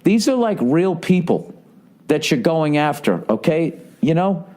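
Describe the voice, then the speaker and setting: A man's voice: a little high, sing-song, unhurried, darkish tone. A man who is a comedian, telling stories in a rambling, profane podcast monologue and often checking in with the listener.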